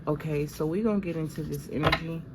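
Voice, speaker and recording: A woman does a channeled tarot reading, chatting in a casual, meandering, conversational way and calling viewers "y'all." She sounds a little stuffy from allergies, and her low voice moves quickly. The recording is very noisy.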